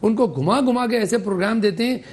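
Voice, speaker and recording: اونچی آواز والا تنقیدی تجزیہ کار مرد. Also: male voice, high voice. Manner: rhetorical, lists points one after another. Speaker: political analyst guest. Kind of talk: critical political commentary.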